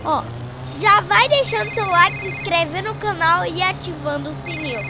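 A Brazilian woman hosting gameplay commentary in an excitable, exclaiming, panicking manner. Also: very high voice, normal speed, very noisy. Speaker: gaming channel host.

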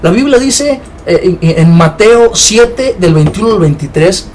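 A man's voice: sits high, lively intonation, measured pace, a little mellow, a little hiss or hum. A man giving an informal Bible teaching, talking conversationally and often checking in with his listeners. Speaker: preacher.

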